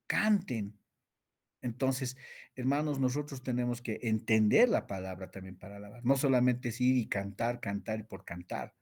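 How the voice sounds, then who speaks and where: A man teaching a theology class, reading verses aloud, stretching key words slowly for emphasis and quizzing his students. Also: mid-range voice. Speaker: Bible teacher.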